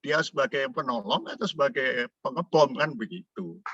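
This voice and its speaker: Guy telling a story in a group call, bright tight voice, dull dry sound. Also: medium pitch, normal speed, breathy edge, dry recording. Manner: animated storytelling with rising exclamations. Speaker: participant sharing experience. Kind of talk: casual discussion talk.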